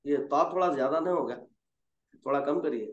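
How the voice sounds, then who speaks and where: Over a call, a man with a high-pitched voice patiently tutors a student in Quran reading at a fairly quick pace. He draws out each letter, coaxes the learner, and corrects gently, repeating until it sticks, while the audio comes across roomy and somewhat dull, like a lo-fi call.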